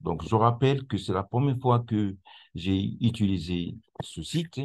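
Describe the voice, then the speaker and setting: A man presenting a screen-recorded software tutorial, explaining step by step with many hesitations and restarts. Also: fairly low pitch, animated, measured pace. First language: not English; speaks French.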